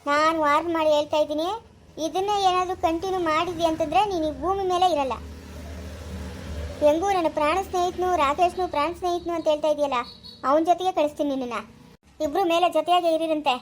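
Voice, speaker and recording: A woman's voice: very high-pitched, fairly even intonation, fast talker, a little hiss or hum, rough recording. A woman acting a menacing village witch. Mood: threatening. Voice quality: cold, threatening, commanding. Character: menacing woman, a witch who threatens and curses. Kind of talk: amateur village drama acting.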